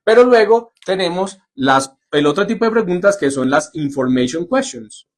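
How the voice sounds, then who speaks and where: In a live online English lesson, a Spanish-speaking man with a voice that sits high talks at a moderate pace. He's upbeat and jokey, frequently checking in on the class with "¿listo?"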